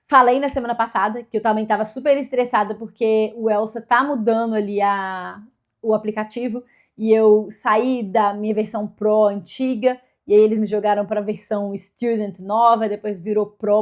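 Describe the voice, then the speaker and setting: A woman's voice: mid-range voice, steady tone, moderate pace. A woman, chatting casually to camera in a vlog and often correcting herself mid-sentence. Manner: chatty, self-correcting, upbeat. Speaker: vlogger.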